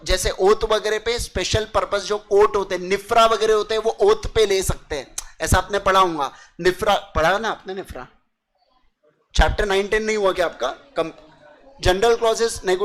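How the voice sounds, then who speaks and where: High-voiced man teaching casually. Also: normal speed, a bit bright, rough recording. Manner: chatty, asks for understanding constantly, mixes English terms. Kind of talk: casual classroom lecture.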